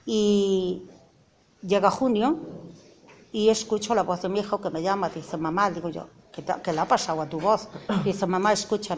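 A woman's voice: medium pitch, darkish tone, slight background noise. A middle-aged mother giving an emotional personal testimony, earnest, acting out the dialogue and rising to indignant outbursts.

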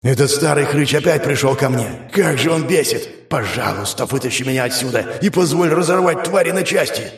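A man's voice: medium pitch, expressive, a little fast. A man voicing a bloodthirsty, scornful male demon spirit trapped in a weapon, with a growling, commanding way of talking and an echoing demonic effect on the voice. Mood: scornful pleading. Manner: growling, commanding, pleading for release. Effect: demonic voice with echoing reverb. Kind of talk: audiobook reading. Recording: echoey reverb effect.

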